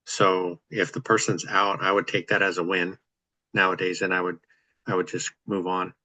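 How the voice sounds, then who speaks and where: Deep, flat-voiced man explaining plumbing. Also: normal speed, no room sound, rough recording. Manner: practical, explanatory, easygoing. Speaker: real estate investor host. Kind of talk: casual chat on a video call. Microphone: video call.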